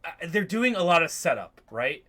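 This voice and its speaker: A man's voice: fairly high pitch, very animated, moderate pace, bright, forceful tone. A man co-hosting a casual reaction chat, rambling, swearing freely and often restarting his sentences. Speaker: podcast co-host.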